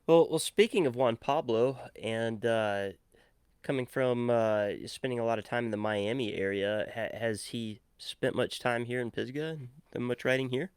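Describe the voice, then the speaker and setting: A man's voice: mid-range voice, moderate pace, clean tone, no room sound, studio quality. A man hosting a podcast in casual, easygoing chat. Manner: easygoing, chatty with fillers. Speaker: podcast host.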